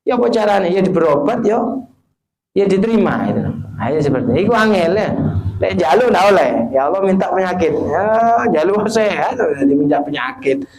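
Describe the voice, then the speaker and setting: Man, East Javanese accent, high voice, preaching a sermon, Arabic quotes, rhetorical questions. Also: animated, moderate pace, a crowd in the background, poor audio. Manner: mixes Javanese phrases and Arabic quotations, asks the audience rhetorical questions.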